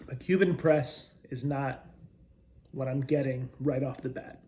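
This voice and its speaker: A man reviewing snacks as a video host, talking casually and chattily with pauses to taste and thoughtful hums. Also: medium pitch, mellow.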